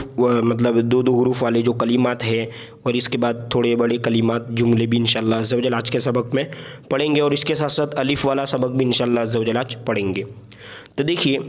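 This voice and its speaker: Patient male Urdu teacher spelling slowly. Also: medium pitch. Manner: patient, slow letter-by-letter drilling with frequent "theek hai"; religious phrases woven into teaching. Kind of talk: spoken lesson, spelling out letters.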